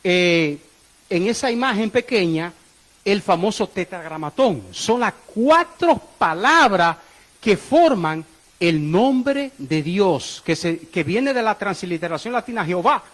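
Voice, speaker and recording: A male preacher giving a sermon, questioning the congregation and swinging between loud exclamations and low murmurs. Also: expressive, slow pace, low-quality recording.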